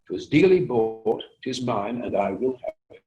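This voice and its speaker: A man's voice: medium pitch, lively intonation, a little slow, warm tone, lo-fi sound, voice pushed up, lightly acted. A man performing Shylock, defiant and declamatory. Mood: defiant demanding. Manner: emphatic, declamatory. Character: Shylock, defiant wronged moneylender arguing in court. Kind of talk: theatrical Shakespearean recitation.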